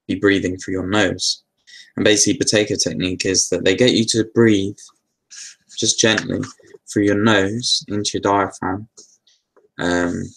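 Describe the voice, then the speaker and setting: Low gravelly man chatting. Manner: relaxed, meandering, with many fillers and restarts. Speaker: host answering viewer questions. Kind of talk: casual live Q&A talk.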